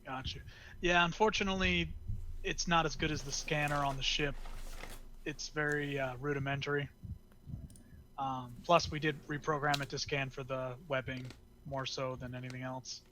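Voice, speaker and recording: Bright-voiced man player, relaxed. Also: mid-range voice, normal speed, a little hiss or hum, poor audio. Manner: relaxed, hesitant, lots of fillers. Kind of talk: tabletop role-play over a call.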